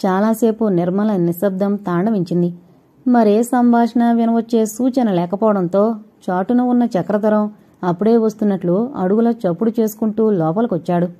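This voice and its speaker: Mellow-voiced woman narrating a novel. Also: medium pitch, moderate pace. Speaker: audiobook narrator.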